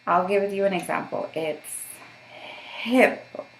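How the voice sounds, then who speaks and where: A woman voice therapist guides a session, giving patient, step-by-step instructions for voice exercises and checking in often. Her medium-pitched voice is unhurried. The recording is rough and reverberant, with a little hiss or hum.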